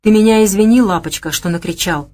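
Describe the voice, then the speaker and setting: A woman voicing a boastful, quick-tempered gangster man in an audiobook. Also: mid-range voice, darkish tone, close to an everyday voice. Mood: gruff. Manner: gruff, boastful, blustering.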